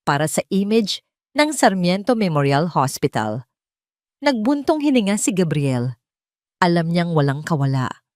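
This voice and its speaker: A woman with a Filipino accent, working as a storyteller, narrates a scripted romantic audio drama in a solemn, melodramatic style. Her medium-pitched voice is a little mellow, recorded in clean studio quality with no echo.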